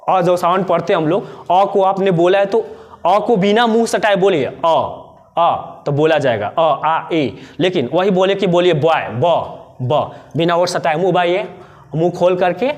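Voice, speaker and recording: A man teaching an English grammar lesson, explaining step by step and answering his own questions. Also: sits high. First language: Hindi.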